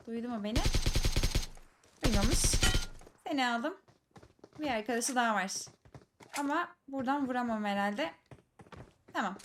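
A woman giving live commentary over her own mobile shooter match, teasing enemy players and breaking into excited shouts. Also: fairly high pitch, heavy background noise. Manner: teasing, talks to enemies, bursts of excited shouts. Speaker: gaming streamer. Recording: loud gunfire game audio behind. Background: game gunfire and clicks.

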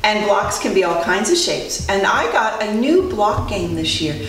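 A woman's voice: mid-range voice, big pitch swings, normal speed. An older woman, around her sixties, chatting and explaining simply to young children as a preschool teacher. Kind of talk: video lesson for young children. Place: indoor classroom. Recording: roomy, distant mic, some background noise.

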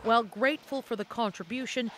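A woman's voice: a little high, fast talker, a bit bright. A woman narrating a scripted television news report as a correspondent. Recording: crowd and ambient noise behind voice-over.

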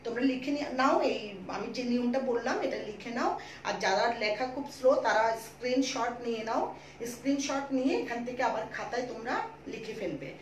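A woman teacher with a fairly high voice and a Chittagonian Bangla accent leads an online school lesson, going over each rule slowly and patiently. She's a little distant from the mic, and the echoey room carries a faint hiss.

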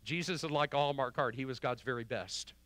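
Guy preaching a sermon in church, bright voice, gets loud then drops real quiet for quotes. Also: mid-range voice, brisk, dry recording. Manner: preaching with wide swings from loud emphasis to hushed quotes. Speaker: pastor. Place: church sanctuary.

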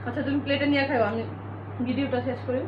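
A woman's voice: sits high, fairly even intonation, rapid-fire. A chatty woman, talking while chewing during a casual eating show. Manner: chatty, mixing in English words. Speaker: vlogger. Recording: echoey, dull, noisy home recording.

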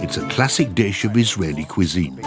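Lively male documentary narrator over music. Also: low-pitched, brisk.

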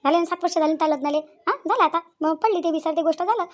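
A woman's voice: very high-pitched, very fast, pitched above the performer's own voice. A woman with a Vidarbha Marathi accent voicing an ailing, complaining old mother-in-law who grumbles and scolds in a cartoon. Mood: scolding. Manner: grumbling, self-pitying, scolding. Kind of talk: cartoon voice acting.

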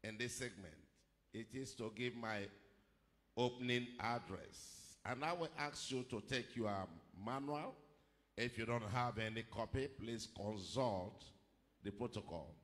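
A man's voice: mid-range voice, fairly bright tone. Middle-aged man preaching in a reverberant hall. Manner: measured preaching, rising to emphatic declarations. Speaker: pastor. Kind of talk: sermon. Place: large church hall, indoors. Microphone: handheld microphone at a pulpit.

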